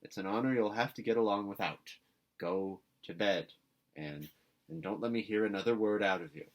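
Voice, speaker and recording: A man voicing a stern older woman guardian in a storybook, brisk, tart and scolding. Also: fairly low pitch, lightly acted.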